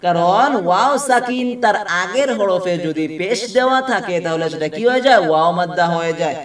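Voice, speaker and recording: A man teaching Quran reading, spelling out words letter by letter, asking questions and answering them himself, and slowly chanting the verses. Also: high voice, animated, fairly bright tone, echoey room, distant mic. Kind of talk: spelling out a recitation lesson.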